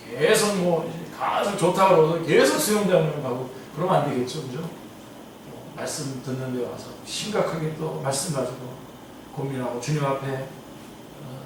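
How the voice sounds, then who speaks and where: A man, a pastor, teaches an afternoon Bible study in a church sanctuary, speaking earnestly and exhorting his listeners. His voice is a little high, and the recording, made from a distance in an echoey church hall, has a slight hiss or hum.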